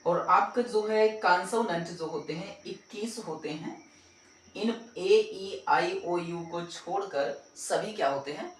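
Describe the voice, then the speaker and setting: A man's voice: high-pitched, slow. A man teaching a pronunciation lesson, asking and answering his own questions and repeating each sound. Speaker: English teacher. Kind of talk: classroom-style pronunciation lesson. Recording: roomy echo, mic far off.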